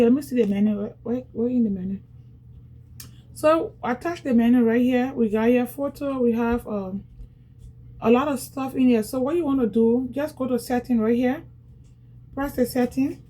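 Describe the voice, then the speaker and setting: In her at-home unboxing vlog, a woman from Liberia speaks with a Liberian accent in a fairly high but dark-toned voice. The recording is rough, with a bit of hiss or hum. She's chatty, addresses viewers directly, and keeps repeating herself.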